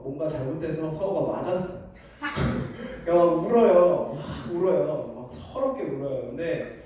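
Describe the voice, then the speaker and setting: A man's voice: fairly high pitch, mellow. A man in his thirties, a pastor telling a personal story in a sermon and speaking earnestly and directly to his congregation. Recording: echoey hall, distant mic, faint noise.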